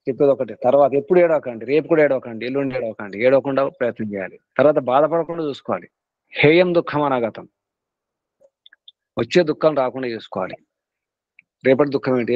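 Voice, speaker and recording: A man's voice: mid-range voice, racing, dry recording, muffled recording. A man with a Telugu accent, a guru giving a spiritual discourse to his students. He urges them on in earnest, repeating his points again and again. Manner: earnest, repetitive exhortation. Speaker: guru teaching a spiritual class.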